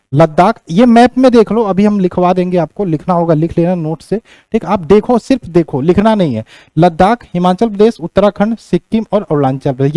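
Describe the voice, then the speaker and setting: High-voiced male teacher giving a lecture. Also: warm tone, no echo. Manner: repeats key points, keeps checking in with "theek". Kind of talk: classroom lecture on geography.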